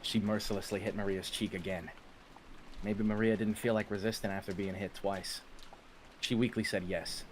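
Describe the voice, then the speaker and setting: A man's voice: on the low side, fairly even intonation, normal speed, slight background noise, low-quality recording. A man narrating a visual novel as a streamer, slipping between scripted reading and casual chat.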